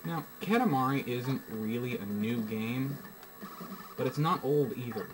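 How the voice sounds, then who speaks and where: A man reviewing a video game as he plays, giving casual commentary in short, halting phrases with asides. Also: medium pitch, expressive, poor audio.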